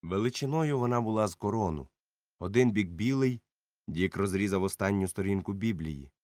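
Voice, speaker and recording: A man narrating a first-person adventure novel with measured storytelling that drops quietly at the ends of sentences. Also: lowish voice, animated, no room sound, clean studio sound. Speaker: audiobook narrator.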